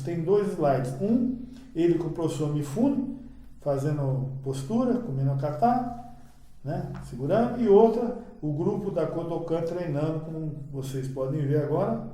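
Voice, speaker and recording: A man's voice: on the high side, warm tone. A man giving a slide lecture on judo, explaining patiently and often checking in with "né?". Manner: explanatory, frequent "né?" tag questions. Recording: echoey room, distant mic.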